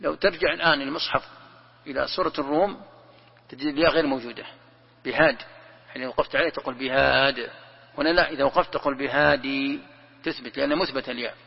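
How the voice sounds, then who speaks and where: A man, a sheikh, giving a classroom commentary lesson, who repeats his phrases and recites verses slowly and deliberately. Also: mid-range voice, steady tone, gravelly, slightly rough. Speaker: sheikh teaching Quran commentary. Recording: long hall reverb, dull lo-fi sound.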